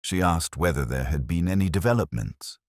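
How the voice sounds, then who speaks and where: Voicing an ageing, world-weary inspector, a man recounts the case in first person in an extremely low register, wry and melancholy, for a scripted detective audio drama. The delivery is literary, measured and brooding with expressive rises and falls, in dry, close sound without echo.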